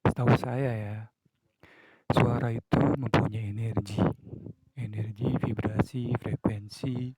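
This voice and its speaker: A man's voice: fairly low pitch, little pitch movement, slow pace, long pauses, mellow, poor audio. A man talking casually on his own podcast, musing and acting out examples of moods and a late-night radio host. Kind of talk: casual solo talk.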